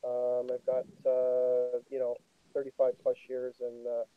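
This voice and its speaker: A middle-aged or older man from Canada talking haltingly and apologetically, muddy through a speaker rigged up as a microphone. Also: mid-range voice, monotone, a little hiss or hum. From Toronto, Canada. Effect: muddy sound of a speaker used as a microphone. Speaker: call-in guest. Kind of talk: hesitant casual account. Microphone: computer speaker wired up as a microphone. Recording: muffled phone-like jury-rigged speaker mic.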